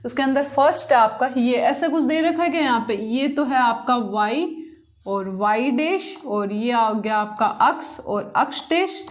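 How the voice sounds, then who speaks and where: A woman's voice: high voice, expressive, a little slow. A woman maths teacher, teaching a class at the board. She keeps asking the class questions and answering them herself. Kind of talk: classroom lesson explaining problems.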